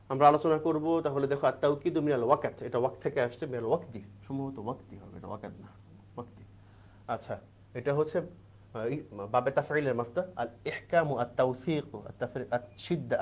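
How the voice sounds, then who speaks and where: A darkish-toned, mid-range male voice walks students through exam-prep grammar one step at a time. He poses questions, answers them himself, and repeatedly checks in with the class.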